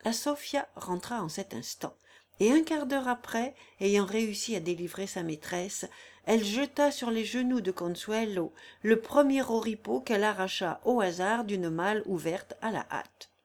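A woman narrating a classic novel aloud in a measured, expressive storytelling manner. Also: mid-range voice.

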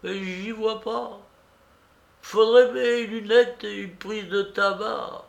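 A dying old male beggar with a thin, failing, rattling voice, mocking everyone around him. He speaks high and slowly, with a gravelly catch, as a male reader puts him on. The sound carries an echoey room. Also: fairly even intonation, heavily acted. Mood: weary. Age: older. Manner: mocking and imperious. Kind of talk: audiobook character reading.

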